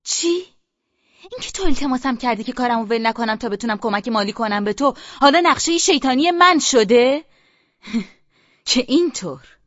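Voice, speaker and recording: A woman's voice: fairly high pitch, lively intonation, a bit bright, dry recording, muffled recording. A woman as an indignant younger sister. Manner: indignant, argumentative.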